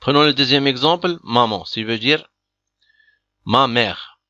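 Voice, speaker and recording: A man's voice: mid-range voice, measured pace, bright, forceful tone, no echo. A man teaching a beginner language lesson, patiently working through example after example. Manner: patient, methodical, repeats examples. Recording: dull lo-fi dry recording.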